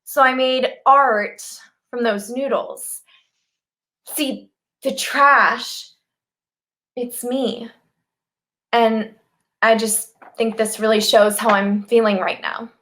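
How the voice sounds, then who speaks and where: Actress as young female game show contestant, very high and bright, earnest and a little frayed, comic delivery. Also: fairly even intonation, slow, long pauses. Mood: earnest, wistful. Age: young adult. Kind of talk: comic stage acting.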